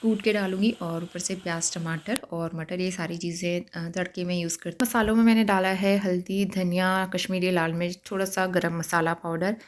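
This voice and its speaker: Vlog voice-over, woman, calm step-by-step narration, slightly low voice. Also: brisk, hardly any pauses, a little hiss or hum. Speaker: home vlogger.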